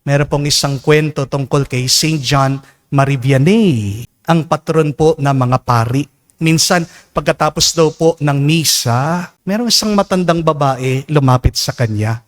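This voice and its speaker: A Filipino priest preaches his homily with a fairly high-pitched voice. His delivery swells with passion and climbs to near-shouts. It is a spoken sermon at Mass. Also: a little slow.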